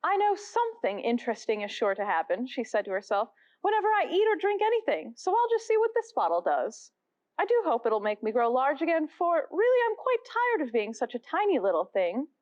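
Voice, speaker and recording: An eager, curious young girl, as a woman puts her on, high and very lively in pitch. She talks to herself in a storybook reading. The recording is slightly muffled and lo-fi. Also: fairly quick. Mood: wondering.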